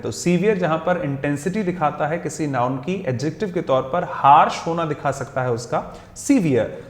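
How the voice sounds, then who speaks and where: A man's voice: a little high, roomy sound. Indian man teaching English words. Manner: explanatory, switches between Hindi and English, spells words out letter by letter. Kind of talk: video grammar lesson.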